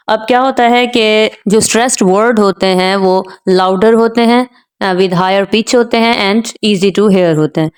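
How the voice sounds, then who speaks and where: Woman teacher with a smooth voice. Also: mid-range voice, a little mellow. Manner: slow, careful modelling of example sentences; repeats the filler "jo hai na" constantly. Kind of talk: explaining a lecture, mixing English terms.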